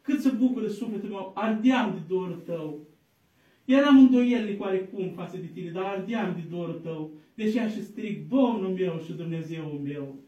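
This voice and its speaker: A man, an Orthodox priest, preaching a sermon, moving from quiet asides to loud, emphatic exhortation and intoning scripture slowly, as if chanting. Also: sits high, muffled recording. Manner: slow, chant-like reading of scripture quotes. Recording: echoey room, distant mic.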